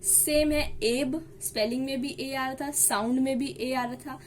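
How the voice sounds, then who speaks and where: A woman's voice: high voice, fairly even intonation, a little slow, a little hiss or hum. A woman teaching a shorthand lesson step by step, asking the class questions and answering them herself, with English terms mixed into her Hindi.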